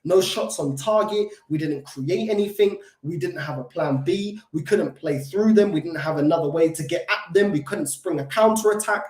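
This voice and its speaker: A football fan channel host with a London accent delivers a solo reaction, venting frustration about his team. His voice sits a touch high and lacks full strength since he's still recovering from being ill. He's emphatic and repetitive, tripping into restarts and plenty of ums, all bouncing around a reverberant room.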